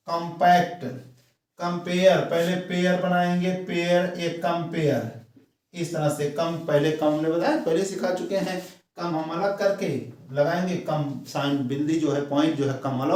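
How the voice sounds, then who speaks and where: A man from India with a North Indian accent, teaching a shorthand lesson slowly and step by step, repeating each word. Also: sits high, darkish tone. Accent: Hindi-speaking North Indian. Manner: slow, repetitive, step-by-step explaining. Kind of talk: classroom shorthand dictation lesson. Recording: echoey room, voice from far off mic.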